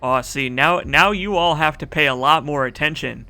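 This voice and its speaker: A young man chats casually through a game stream, reading chat comments aloud, rambling with fillers and laughing often. His voice is on the high side, sharp and clean, at a moderate pace, with faint music in the background.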